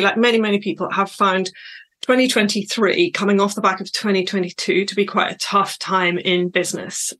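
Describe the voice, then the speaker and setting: A woman speaks close to the mic in a solo podcast episode, in a voice of ordinary middle pitch. She talks in a loose, reflective way, wandering into tangents and filling pauses with ums and little laughs. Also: fairly bright tone. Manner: chatty, reflective, digressive with frequent fillers and laughs. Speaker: podcast host and coach.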